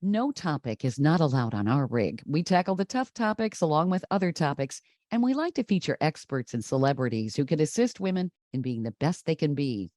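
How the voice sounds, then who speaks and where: A woman co-hosting a trucking podcast reads the scripted show introduction and then interviews a guest. Her voice is low-pitched and mellow, captured in clean studio sound with no echo.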